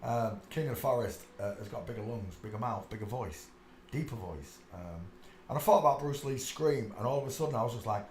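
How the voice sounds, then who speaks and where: Brisk and a bit mellow, this man's medium-pitched voice has lively intonation and a faint hiss or hum behind it. Hosting his channel, he talks insistently through pictures in a casual, meandering monologue full of asides and "uh"s, recorded in an echoey room with faint ambience.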